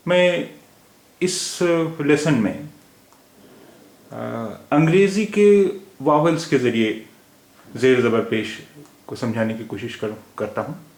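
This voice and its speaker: A man's voice: fairly high pitch, animated, slow pace, long pauses. A man teaching a language lesson in a patient way, repeating each sound several times. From India. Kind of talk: slow explanatory lesson. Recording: echoey room.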